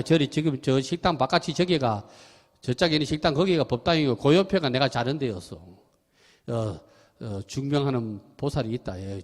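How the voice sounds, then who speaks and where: A middle-aged Buddhist monk with a Gyeongsang accent gives a chatty dharma talk. His voice sits high for a man and swings widely up and down. The talk echoes with a long reverb through a temple hall. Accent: Gyeongsang Korean. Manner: lively, chatty, laughs often, asks listeners questions. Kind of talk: sermon with storytelling.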